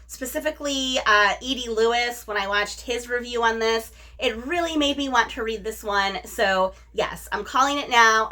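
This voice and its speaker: A woman hosts a book review video, chatting casually with her viewers and gushing with enthusiasm. Her voice is mid-range with a sharp tone.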